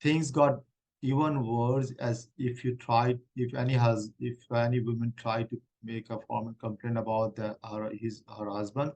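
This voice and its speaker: A man playing a middle-aged woman refugee claimant in a mock hearing role-play, answering haltingly with many restarts. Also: mid-range voice, flat delivery, darkish tone, natural voice, poor audio. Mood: earnest.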